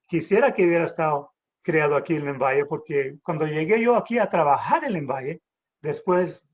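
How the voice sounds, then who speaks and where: A middle-aged man from the Texas border, raised in San Antonio, teaches the Bible informally over a video call. His fairly high voice comes through dull audio, halting, with restarts and rhetorical questions.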